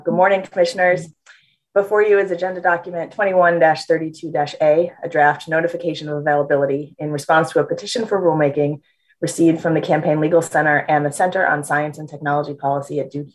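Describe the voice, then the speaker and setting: A woman with a fairly low voice reads a prepared official briefing at a quick pace. Her delivery is formal and scripted. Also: steady tone, low-quality recording. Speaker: government staff lawyer presenting.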